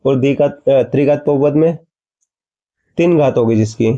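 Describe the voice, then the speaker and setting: A man's voice: medium pitch, normal speed, warm tone, muffled recording. A man teaching a maths lesson, explaining step by step and asking his students questions before answering them himself. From India.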